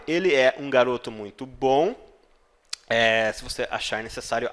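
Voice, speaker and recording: A man's voice: mid-range voice, fairly bright tone. A man teaching an English lesson, stretching out the English example phrases and checking in with the listener after almost every phrase. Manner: slow drawn-out English examples, frequent "tá?" check-ins. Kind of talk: online language lesson.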